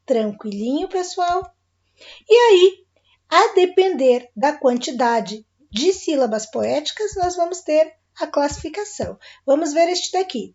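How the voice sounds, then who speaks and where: A woman's voice: high-pitched, a little mellow, highs cut off. A woman with a Brazilian Portuguese accent teaching a recorded lesson, friendly and checking in with her students.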